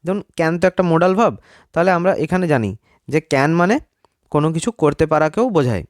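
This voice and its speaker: A man's voice: fairly high pitch, animated, fast talker, dry recording. A man gives a casual grammar lesson in a slightly raised voice that comes through dry and close. He explains each word patiently and checks in with an easy "okay" before moving on. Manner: addresses viewers as friends, repeats "okay" between points. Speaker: English teacher.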